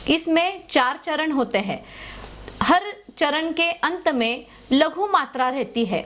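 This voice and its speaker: A woman with a high voice teaches a class lesson, slow and unhurried. She explains patiently, step by step, and goes over each point again for her students. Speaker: Hindi teacher. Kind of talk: explaining poetry meter to students.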